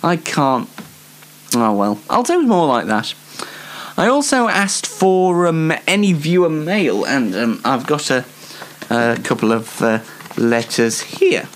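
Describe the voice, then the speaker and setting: Speaking slowly with lively intonation and a fairly high pitch, a young man from Yorkshire, England, hosts a comedy web show. He chats casually and hesitantly to viewers, running himself down with dry mock outrage.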